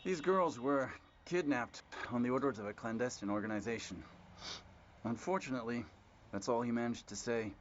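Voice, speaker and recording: A man plays a discreet private investigator who reports grim findings with calm, matter-of-fact care. His voice is mid-pitched and steady. The dubbed film sound is dull and lo-fi, with a faint hiss. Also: moderate pace, lightly acted.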